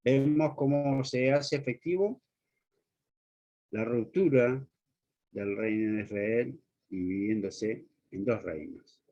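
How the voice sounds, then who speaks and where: A man's voice: mid-range voice, takes it slowly, long pauses, mellow. A man preaching a sermon, speaking earnestly and putting pointed rhetorical questions straight to the listener. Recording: dull lo-fi recording.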